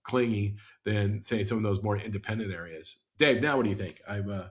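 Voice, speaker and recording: A man's voice: on the low side, a little fast. A man co-hosting a podcast, explaining data and charts in a rambling, casual way. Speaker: podcast co-host.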